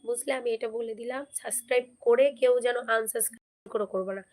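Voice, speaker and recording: Hoarse woman chatting on a live stream. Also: fairly high pitch, steady tone, fast. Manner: chatty, keeps urging viewers to comment and subscribe. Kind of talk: casual live-stream chat.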